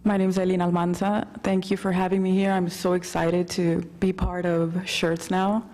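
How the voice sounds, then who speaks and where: A woman's voice: lowish voice, completely flat delivery, moderate pace, dark tone. A woman from Mexico, a newly hired officer, giving a short, earnest self-introduction to the city council. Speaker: new detention officer.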